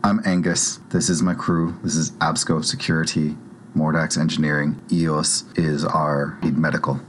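A man playing a formal, composed male crew leader in a tabletop game. He speaks in a measured way. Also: rumbling low, level tone, a little hiss or hum.

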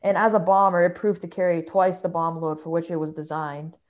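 A woman's voice: fairly low pitch, level tone, a little fast. A woman in a casual group discussion, often stumbling and repeating words as she starts. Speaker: discussion participant.

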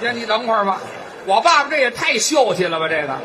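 A man, the crosstalk straight man, firing back quick exasperated retorts. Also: very high-pitched, big pitch swings, crowd noise. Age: 40s. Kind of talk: Chinese crosstalk comedy.

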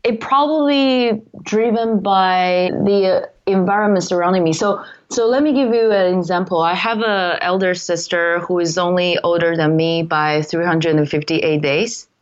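Woman guest from Taiwan, second-language English, earnest and reflective, lowish voice, muffled lo-fi audio. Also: steady tone, moderate pace, few pauses. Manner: earnest, reflective, non-native phrasing. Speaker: guest, entrepreneur. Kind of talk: interview answers. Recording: dull lo-fi audio.

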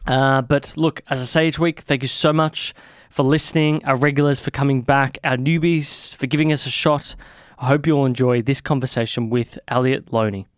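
A man's voice: mid-range voice, steady tone, normal speed, clean tone, dry recording, studio quality. A man hosting a podcast in a chatty, friendly way. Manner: chatty, friendly, restarts often. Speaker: podcast host. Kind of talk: casual podcast chat.

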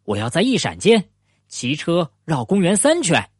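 A man's voice: on the high side, wildly swooping pitch, moderate pace, slightly rough, no room sound, studio quality, exaggerated voice. A man voicing an eager young boy turtle in a storybook reading, earnest and insistent. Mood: determined.

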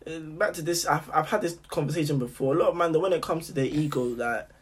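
A man's voice: a little high, quick pace, far from the mic. A young man with a London roadman accent, musing in slangy casual chat and repeating his phrases. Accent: London, urban roadman slang. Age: young adult.

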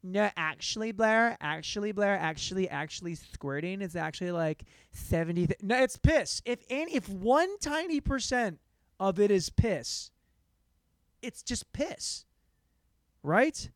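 A young man hosting a solo comedy podcast, rambling in a sarcastic, self-mocking way, jumping between loud bursts and mumbled asides. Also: high-pitched, lively intonation, a little slow, no room sound, studio quality. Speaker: podcast host.

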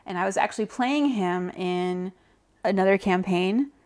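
Speaking at a measured pace in a mid-range, slightly mellow voice, this podcast co-host chats casually about tabletop role-playing. She's thoughtful about character voices in the games and quick to laugh.

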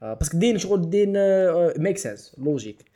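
A man co-hosting a casual discussion podcast, thinking aloud with drawn-out "aah" fillers and switching into English and French. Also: high voice, lively intonation, dark tone. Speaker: podcast co-host.

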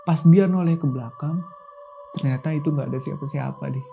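Guy telling a spooky true story, casual and chatty, low dark tone. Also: a little fast, vocal fry, faint music behind. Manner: chatty, keeps checking the listener follows with filler tags. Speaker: guest storyteller. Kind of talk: casual spoken horror story.

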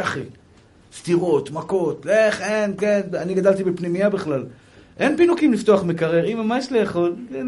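Middle-aged rabbi guy from israel giving a lecture, highish voice, keeps repeating himself for emphasis and acting out little scenes. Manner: animated storyteller who acts out quoted speech; repetitive, emphatic phrasing with frequent restarts. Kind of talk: spoken religious lecture to an audience.

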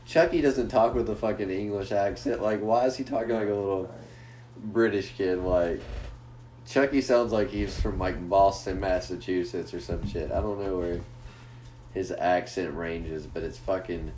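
A man's voice: low-pitched, moderate pace, a little mellow. A man hosting a casual podcast, rambling crudely and swearing a lot. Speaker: podcast host. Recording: echoey room with faint noise.

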